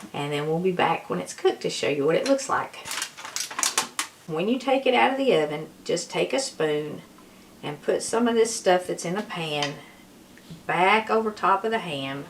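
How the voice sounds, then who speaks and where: Hoarse woman, voice giving out. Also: fairly low pitch, fairly bright tone, a little hiss or hum. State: hoarse, losing her voice. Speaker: home cook presenting a recipe. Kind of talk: casual cooking tutorial.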